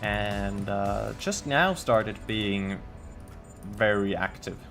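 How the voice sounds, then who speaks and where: While building on his game live stream, a young Finn with a Finnish accent chats casually and trips over his words. He talks very slowly in a lowish voice with vocal fry and a slightly bright tone, over soft background music.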